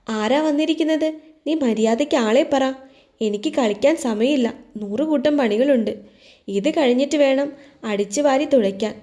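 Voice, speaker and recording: A woman's voice: sits high, moderate pace, warm tone, natural voice. A woman voicing a busy older sister who mutters and chides, in an audio story. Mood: scolding. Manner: muttering, chiding.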